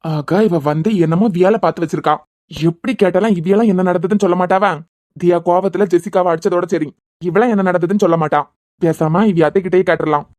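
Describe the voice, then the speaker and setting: A woman's voice: lowish voice, fairly even intonation, fast, darkish tone, no room sound, lightly acted. A woman voicing a suspicious young man muttering to himself in a Kanyakumari Tamil accent, in a cartoon serial.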